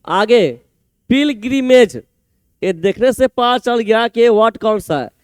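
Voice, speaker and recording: Teacher, male, very high voice, dry close sound; drills spellings letter by letter. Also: animated, smooth, dry recording. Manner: slow, spells words letter by letter and repeats answers. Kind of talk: exam-prep spelling lesson.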